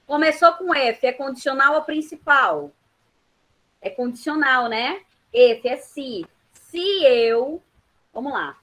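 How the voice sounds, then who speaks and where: Female English teacher, Brazilian accent, measured unhurried delivery, keeps asking the class if it's clear. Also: sits high, animated, a bit bright, low-quality recording. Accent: Brazilian Portuguese. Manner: patient, checks understanding with quick questions. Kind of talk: explaining grammar to a class.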